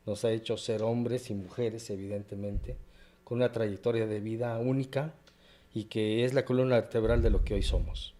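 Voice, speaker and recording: Guy in a chat, mellow warm voice, answers kinda formal. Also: lowish voice, fairly even intonation, normal speed.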